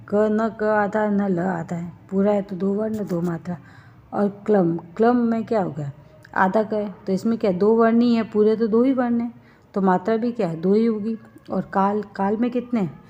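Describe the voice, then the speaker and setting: A woman's voice: medium pitch, fairly even intonation, moderate pace, warm tone. A woman teaching a grammar lesson, explaining each step and asking questions as she goes. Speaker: Hindi teacher. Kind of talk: classroom lesson on Hindi grammar. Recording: dull, slightly lo-fi recording.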